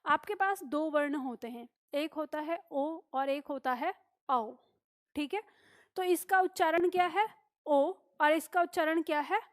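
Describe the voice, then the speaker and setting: Female teacher, high dry voice, patient explanatory lecture delivery. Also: a little slow, no echo. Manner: explanatory, repeats key points with "ठीक है?". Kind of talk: classroom lecture.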